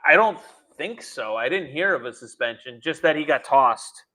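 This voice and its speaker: A man's voice: on the high side, expressive, moderate pace, sharp tone. A man co-hosting a hockey podcast in casual chat, often laughing, with hesitant fillers. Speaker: podcast co-host.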